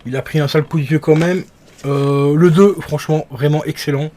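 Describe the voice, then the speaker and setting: A man's voice: on the high side, brisk. A young man chatting casually about his game collection, rambling with lots of fillers and restarts. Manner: relaxed, rambling with many fillers. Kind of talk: casual chat.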